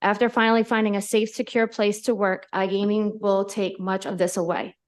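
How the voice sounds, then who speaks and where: A woman's voice: mid-range voice, level tone, a little fast. A woman reading heartfelt, pleading testimony as a public witness.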